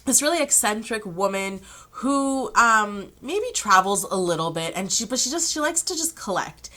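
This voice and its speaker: A young woman with a sick, slightly rough voice, chatting casually to her channel with rambling asides and throat-clearing. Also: medium pitch, animated, unhurried, pushed and bright. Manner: chatty, rambling, self-amused. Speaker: vlogger. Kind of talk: casual chat.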